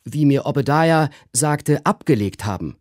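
A man's voice: a little slow, no echo, studio quality. A man voicing an eager, deferential old male servant, a former corporal, in a literary reading. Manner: high, excited, bowing politeness.

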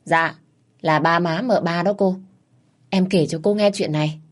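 A woman voicing an eager young female servant girl in a spoken story, gossiping in a hushed, excited way. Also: on the low side, a little slow, close to an everyday voice.

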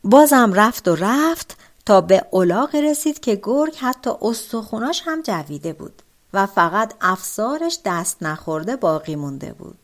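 A woman narrating a folk tale for an audiobook, telling it in an expressive, dramatic way. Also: mid-range voice. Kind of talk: storybook narration.

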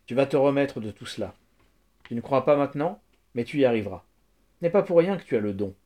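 A man reading the lines of a kindly older man who gently counsels a grieving child in a storybook reading. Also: medium pitch, expressive, fast talker, natural voice. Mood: gentle. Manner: earnest, soothing counsel.

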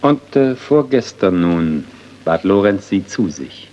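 An actor playing a calm male investigator who asks measured, probing questions, in 1930s radio-drama acting. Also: sits low, exaggerated voice. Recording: dull, hissy 1930s radio recording.

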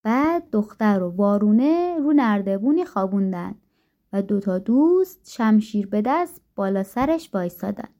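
A woman narrating a folk tale in a calm, gentle storytelling manner. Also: medium pitch. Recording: dull lo-fi recording.

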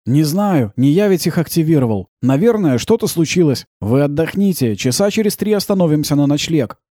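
A man voicing a calm, laconic male driver in an audiobook, answering slowly and flatly. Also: on the high side, no room sound, studio quality, voice pushed up. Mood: calm, matter-of-fact. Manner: calm, slow, unhurried replies.

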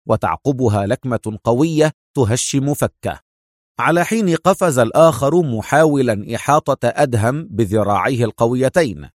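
A man's voice: medium pitch, no echo, studio quality. A man narrating an action thriller audiobook in a vivid storytelling manner.

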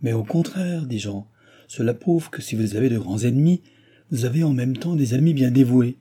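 Blustering nobleman, emphatic and loud, dark tone, read by a man. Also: medium pitch, normal speed, breathy edge, pitched above the performer's own voice, close to an everyday voice. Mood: hearty. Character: blustering middle-aged nobleman, a vicomte.

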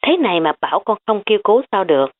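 A woman voicing a spirited, stubborn teenage girl who protests in high, quick outbursts. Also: lively intonation, close to an everyday voice. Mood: protesting. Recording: tinny phone-like audio.

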